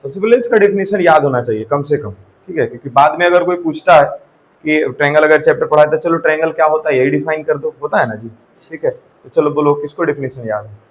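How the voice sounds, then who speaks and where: High-voiced man teaching a maths class. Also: fast, low-quality recording. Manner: asks the class questions and checks with repeated "theek hai". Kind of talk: classroom lecture. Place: classroom with students.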